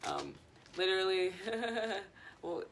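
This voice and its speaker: Casual female vlogger, low-pitched, loose rambling stoner delivery, noisy recording. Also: wildly swooping pitch, slow pace. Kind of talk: casual chat to viewers.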